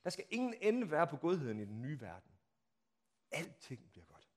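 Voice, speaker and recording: A man preaching a sermon, telling the story dramatically, acting out the crowd's shouts and asking the listeners rhetorical questions, swinging from hushed to loud. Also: fairly high pitch, very animated. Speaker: pastor. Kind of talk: Palm Sunday sermon.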